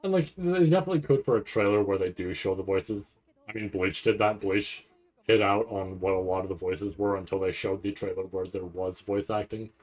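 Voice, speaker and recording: A man with a lowish, slightly mellow voice talks a bit quickly over poor audio while hosting a casual livestream. He reacts to an anime event, rambling and thinking out loud in loose language that sometimes turns profane.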